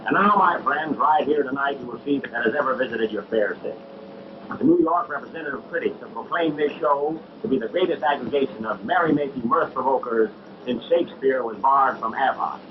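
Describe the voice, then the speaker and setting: A man's voice: medium pitch, brisk, natural voice. Man playing a glib showman in a noisy old talkie. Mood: grandiose, hawking. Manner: grandiose showman patter, smooth-talking. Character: glib, flirtatious traveling medicine-show pitchman. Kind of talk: 1930 early talkie film acting. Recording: noisy, dull 1930 film soundtrack.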